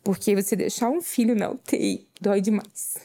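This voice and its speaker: A woman's voice: mid-range voice, moderate pace, dark tone. A woman, telling an emotional faith testimony as a podcast guest and acting out her own quoted words. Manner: earnest, tearful at times, acts out her own quoted words.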